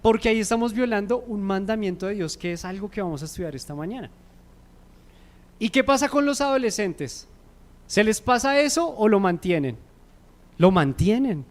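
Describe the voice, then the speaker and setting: A man's voice: high voice, lively intonation, normal speed. A man preaching a class for parents at a church service, often asking the congregation questions. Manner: asks the audience frequent questions. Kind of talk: church teaching talk.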